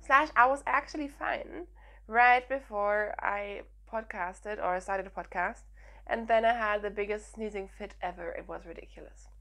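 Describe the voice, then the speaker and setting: A young woman from Germany hosting a knitting podcast, talking casually and energetically with lots of "um"s, her voice croaky from hay fever and sniffles. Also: mid-range voice, a little slow. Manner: chatty and energetic, frequent "um"s. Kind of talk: casual chat to camera.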